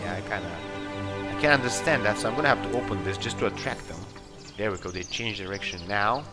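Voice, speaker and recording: With a fairly low voice and a quick pace, a man hosting a let's play improvises casual commentary, hesitantly reasoning aloud about his next moves. Game music and battle noise run under his talk.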